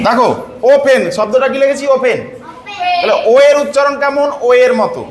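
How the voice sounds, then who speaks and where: A man teaching a phonics lesson to pupils, patiently repeating sounds slowly and quizzing them. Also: very high-pitched. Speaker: English teacher. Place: echoey classroom with pupils. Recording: echoey room, faint background noise.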